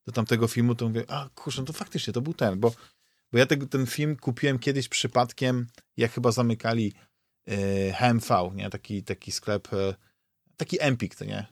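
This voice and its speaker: A man talks casually on a podcast, circling his point through restarts and fillers. His voice sits in a middle pitch. The sound is dry and close, with no room around it. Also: creaky, dry recording. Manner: rambling, many restarts and fillers. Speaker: podcast co-host. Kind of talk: casual chat.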